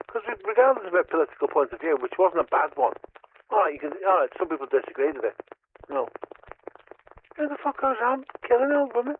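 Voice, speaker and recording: A man chatting over a CB radio, ranting and swearing heavily. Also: high voice. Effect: heard over a CB radio. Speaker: CB radio caller. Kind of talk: casual chat. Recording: tinny CB radio with faint static.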